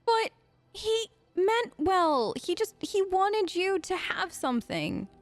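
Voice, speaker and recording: This woman gamer stays in character while she plays, chatting casually and playfully through role-play commentary. Her voice is very high and very animated, yet she speaks slowly, and there's no room sound.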